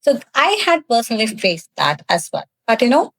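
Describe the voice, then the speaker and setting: A woman's voice: a little high, big pitch swings, moderate pace. A woman from South India, a native Tamil speaker with a thick South Indian accent, answering interview questions in an earnest, emphatic way. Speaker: interview guest, cosmetics business founder.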